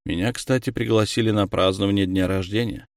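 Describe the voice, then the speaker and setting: Low calm male audiobook narrator. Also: brisk, gravelly, no room sound, clean studio sound.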